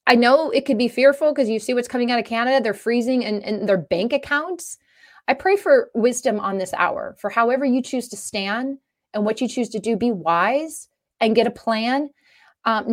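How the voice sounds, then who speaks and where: A woman comedian speaking earnestly and urgently to her viewers about faith and freedom, with frequent restarts. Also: on the high side. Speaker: comedian giving a faith message. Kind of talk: impassioned direct-to-camera talk.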